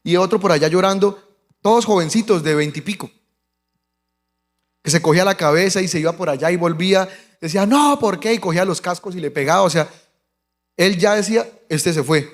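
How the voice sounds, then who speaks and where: A man's voice: high-pitched, a little fast, pauses often. A male pastor with a Colombian accent, telling a personal story in a sermon, acting out the voices of the people in it. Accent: Colombian Spanish. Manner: animated storytelling, acts out quoted voices. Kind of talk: sermon testimony. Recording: long hall reverb.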